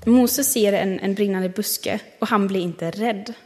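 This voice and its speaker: A woman preaching a sermon and reading scripture, reflective, slowing down to stress key words. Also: medium pitch, fairly even intonation, dark tone, faint music behind. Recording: long reverb of a large hall.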